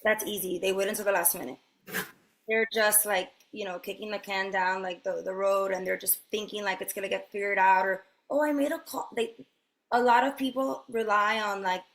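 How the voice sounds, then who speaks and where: A woman's voice: medium pitch, fairly even intonation, fairly quick, fairly bright tone. A woman lawyer speaking as a podcast guest, talking frankly and conversationally with fillers. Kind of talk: casual interview chat.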